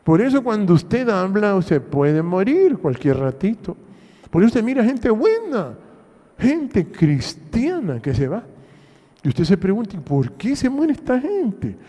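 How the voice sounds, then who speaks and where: Preaching in a church hall with a long reverb, a Honduran pastor fires rhetorical questions at the congregation in his Honduran Spanish accent. His high-pitched, dark-toned voice swoops wildly in pitch, and he takes his time.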